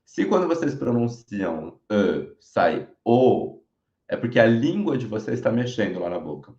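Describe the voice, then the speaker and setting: A Brazilian man teaching French in an online lesson, speaking clearly and modelling each sound slowly so learners can repeat it. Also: medium pitch, very animated, a little mellow. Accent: Brazilian Portuguese. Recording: roomy, dull lo-fi recording.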